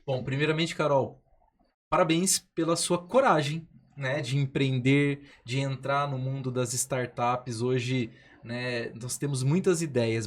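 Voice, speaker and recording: Upbeat male podcast host. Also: mid-range voice. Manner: upbeat, conversational, with tag questions. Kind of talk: casual podcast hosting.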